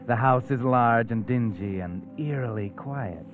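An actor playing a sinister, mocking, all-knowing narrator in the style of 1940s radio mystery, ominous and insinuating. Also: male voice, medium pitch, unhurried, natural voice. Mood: sly, insinuating. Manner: ominous, insinuating, addresses the character directly. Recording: tinny vintage radio recording, music behind.

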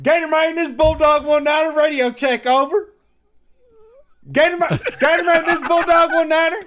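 A loud Southern soldier on walkie-talkie radio. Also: male voice, fairly even intonation, normal speed. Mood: eager. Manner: loud, high, sing-song repeated radio call sign. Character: drawling male truck-driving soldier calling over walkie-talkie radio. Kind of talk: comic impression in a casual podcast chat.

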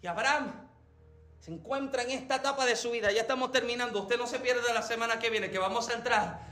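A man's voice: very high voice, quick pace, bright, forceful tone. A Puerto Rican man preaching a sermon as pastor, emphatic and passionate, calling his listeners beloved. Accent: Puerto Rican Spanish. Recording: echoey room with faint background music.

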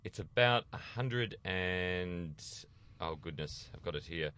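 A man's voice: low-pitched, lively intonation, slow, sharp tone, clean tone. A man co-hosting a casual car chat, enthusiastic and jokey, often correcting himself mid-sentence. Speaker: co-host reviewing cars.

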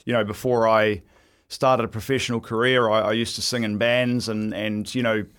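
A man's voice: on the low side, little pitch movement, normal speed, a bit bright, clear, resonant tone. A middle-aged man chatting casually as an interview guest, in a stop-start, self-deprecating way. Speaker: guest, event ring announcer. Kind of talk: casual radio interview chat.

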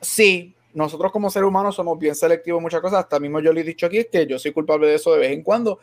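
A male podcast co-host speaks in a fairly high voice at a racing pace during a casual chat, reasoning things out and switching often between Spanish and English.

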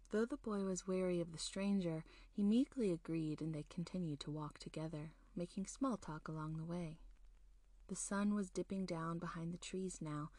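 Woman reading a creepy folk story, kinda low voice, folksy and unhurried, dry sound. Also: a little mellow, dry recording. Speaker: storyteller, show host. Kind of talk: scripted spooky folktale narration.

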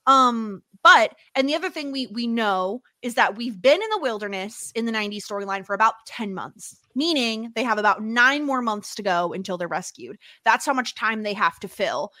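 Brief: woman podcast host, higher pitch, bright and forceful, chatty filler-heavy talk, dry sound. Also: expressive, normal speed, hardly any pauses, no echo. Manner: chatty, full of "like" and "obviously". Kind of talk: casual chat.

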